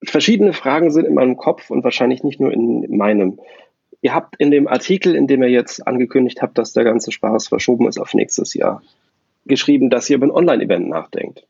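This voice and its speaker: A man hosting an interview over a low-quality phone call, asking informal questions. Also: lively intonation, brisk, vocal fry, dark tone, slightly rough, dry recording. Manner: asks friendly, informal questions. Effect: low-quality phone call recording. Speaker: podcast host, interviewer. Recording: dry, dull lo-fi phone audio.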